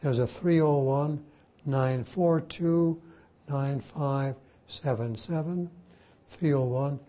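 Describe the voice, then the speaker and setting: An older Jesuit priest, Slovak by first language, teaches a class informally in a lecture-and-Q&A style, spelling words out letter by letter. His voice is mid-range with a dark tone, and slight background noise can be heard.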